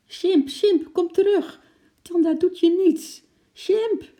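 A reader doing a frantic little girl shrieking high. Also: steady tone, takes it slowly, warm tone. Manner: shrill, tearful calling. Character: young girl, anxious for her runaway monkey.

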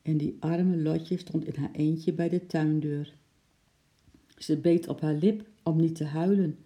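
Storybook narrator: steady, expressive, deep-toned and grainy. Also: a little slow. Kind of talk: children's storybook reading.

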